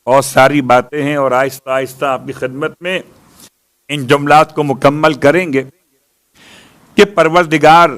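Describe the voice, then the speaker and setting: Male preacher, higher register, rhetorical sermon delivery with emphatic recitation. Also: steady tone, long pauses, a bit bright. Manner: rhetorical, poses questions and answers them; recites Arabic verses with rising emphasis. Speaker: Shia preacher. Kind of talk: religious sermon.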